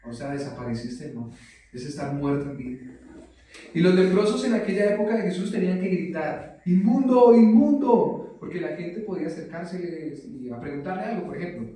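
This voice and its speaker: A man preaching a sermon who often turns questions to his listeners and moves between loud cries and soft asides. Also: a little high, brisk. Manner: animated, rising to loud exclamations and dropping to soft asides. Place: church hall. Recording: echoey hall, mic at a distance.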